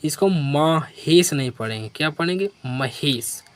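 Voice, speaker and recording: A man with a fairly high, expressive voice teaches beginners at a measured pace. He spells out each word letter by letter, turns questions back to the learner and asks the viewer to repeat, all in a slow spelling lesson.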